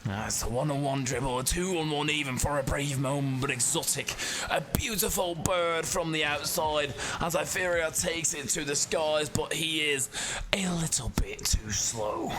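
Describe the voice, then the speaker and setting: Man putting on a slow, hushed nature documentary narrator. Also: on the high side, background noise, natural voice. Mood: hushed, dramatic. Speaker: gameplay commentator. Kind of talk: nature documentary narration parody of game commentary.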